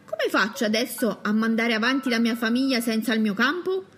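A woman's voice: fairly high pitch, fairly quick, a bit bright, close to an everyday voice. Woman doing a worried pleading country neighbor. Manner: pleading, anxious. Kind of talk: audiobook character voice.

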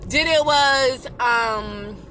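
High, bright-voiced woman ranting bluntly. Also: extremely slow, a little hiss or hum, low-quality recording. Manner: blunt, heavy swearing, emphatic repetition; animated storytelling, advising young women. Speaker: vlogger venting about a relationship. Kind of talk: casual confessional rant.

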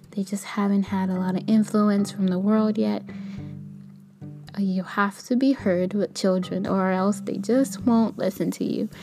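A young woman, a kindergarten teacher who hosts a podcast, rambles candidly and casually through a personal monologue. Her voice is light and soft yet gravelly, at a medium pitch.

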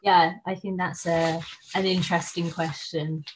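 A woman researcher answering audience questions on a video call, earnest and hesitant, filling pauses with many ums. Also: lowish voice, flat delivery, slight background noise. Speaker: guest speaker, researcher.

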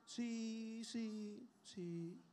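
A man's voice: high-pitched, very slow, dark tone. A man preaches a sermon. He talks in a conversational, storytelling way, tossing rhetorical questions at the congregation.

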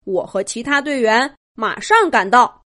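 A woman voicing a calm, caring adult male Doberman police chief in a children's story. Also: fairly high pitch, measured pace. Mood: steady.

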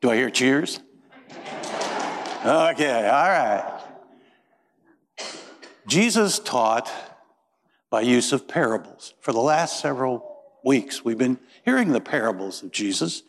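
Delivering a sermon in church, this middle-aged Indiana pastor tells stories with folksy humor. He has a mid-range voice with lively intonation, takes his time, and pauses often, all captured in a reverberant sanctuary.

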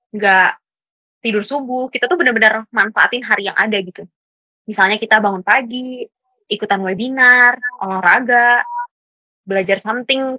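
Casting: young woman, podcast guest, bright crisp tone, dry close sound, chatty and quick to laugh. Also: a little high, no echo. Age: young adult. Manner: chatty, laughs often, mixes in English words. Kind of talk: casual podcast discussion.

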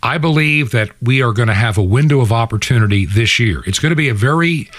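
A radio and podcast host delivers an opinionated political monologue on his show, emphatic and conversational with rhetorical asides. He talks fast and expressively at a medium pitch, with a fairly bright tone and no echo.

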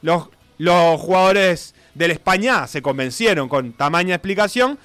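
This unhurried, high-pitched male co-host shares football history in a casual, radio-like way over faint background music on a dry recording. Animated throughout, he reads quotations aloud dramatically.

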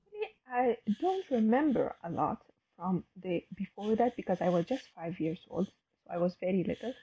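Woman in her twenties as interview guest, hesitant and halting, husky voice, dull muffled sound. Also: mid-range voice, very animated, mellow. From Afghanistan. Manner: hesitant, many fillers and restarts. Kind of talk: casual interview talk.

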